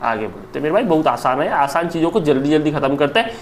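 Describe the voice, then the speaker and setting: A man with an Indian accent teaching English vocabulary in a lively, chatty online lecture, repeating words aloud and calling listeners brother. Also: a little high, fast talker, slight background noise. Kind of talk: online exam-prep lecture.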